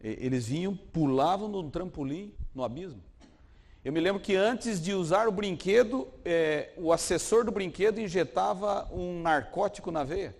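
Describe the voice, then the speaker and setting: Man, pastor, high voice, dramatic sermon, loud then hushed. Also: lively intonation, moderate pace, big-room sound. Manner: dramatic, swinging between loud peaks and hushed passages.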